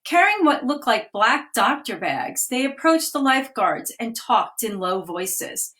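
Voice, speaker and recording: Reading a children's picture book over a live video stream, the author speaks in a slightly raised, somewhat high voice with wide pitch swings and an unhurried pace. She handles each line gently and clearly, stopping at times to describe the pictures, all heard through a phone or webcam mic.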